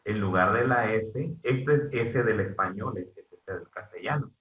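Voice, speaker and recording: Hesitant lecturer, low voice, echoey room. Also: male voice, normal speed. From northwestern Mexico. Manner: hesitant, many fillers and restarts, checks in with students. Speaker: university lecturer. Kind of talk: online class lecture. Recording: dull echoey lo-fi room sound.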